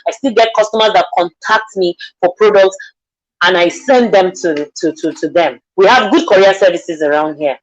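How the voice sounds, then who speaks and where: Speaking at a normal pace with a fairly low pitch, a Nigerian woman who works as a makeup artist earnestly explains her points during a live online interview. She repeats herself and keeps checking in with "do you understand." The recording has its highs cut off.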